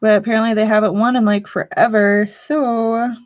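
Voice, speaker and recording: A woman's voice: on the high side, flat delivery, normal speed, no echo, lo-fi sound. A woman from Missouri hosting a casual live stream talk show from home, chatting, joking and reading out viewer comments. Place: home living room.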